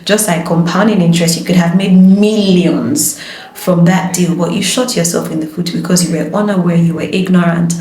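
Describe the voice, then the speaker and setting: A woman's voice: on the low side, steady tone, moderate pace, dark tone. A woman, a lawyer and voice-over artist, giving emphatic, passionate advice in a casual conversation. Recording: roomy echo.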